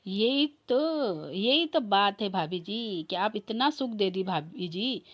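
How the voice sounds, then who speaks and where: A woman's voice: mid-range voice, expressive, takes it slowly, muffled recording. A woman voicing a cheeky young male brother-in-law in a comic family skit, teasing and then pleading. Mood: mocking.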